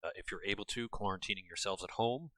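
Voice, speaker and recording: A man's voice: low voice, fast talker, a bit bright, dry recording. An American man hosting a casual game commentary from home, chatty and rambling, often correcting himself. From United States. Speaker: gaming channel host. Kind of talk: casual let's-play commentary.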